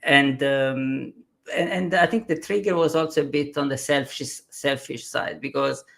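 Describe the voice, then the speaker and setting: Italian-accented male consultant, 40s, gravel in the voice, mid pitch. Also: steady tone, moderate pace, a bit bright. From southern Italy. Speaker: consultant and author. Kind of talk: guest interview on a live webinar.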